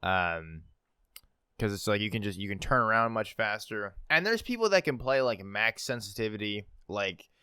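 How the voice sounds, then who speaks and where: A man co-hosts a podcast in loose, casual chat. His voice sits low and smooth, close and dry with no room around it. He rambles, fills gaps with ums and laughs at his own shortcomings. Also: animated, normal speed, pushed and bright, dry recording. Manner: rambling, filler-heavy, laughs at himself. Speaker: podcast co-host.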